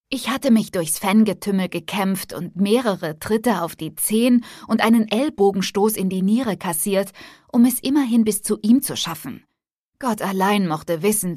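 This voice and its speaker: A woman reading a novel aloud in the first person, with a steady, clear storytelling delivery. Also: mid-range voice, no echo, clean studio sound. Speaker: audiobook narrator. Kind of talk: scripted first-person narration.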